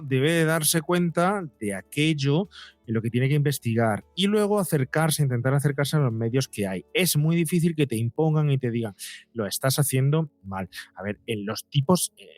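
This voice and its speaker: Heard without room sound, a middle-aged man with a medium-pitched voice speaks as a psychologist in an interview. His explanations are earnest and forceful but conversational, and he often stages imagined back-and-forth lines.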